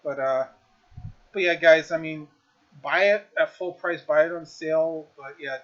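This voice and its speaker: A man's voice: fairly high pitch, measured pace, fairly bright tone, highs cut off. A man casually reviewing a video game on his stream, rambling with lots of fillers and restarts.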